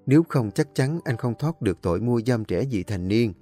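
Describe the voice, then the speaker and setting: A man reading the lines of a composed wife, calm and soft as she lays out hard facts. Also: mid-range voice, soft background music, lightly acted. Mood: cool, explaining. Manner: calm, soft, measured explaining.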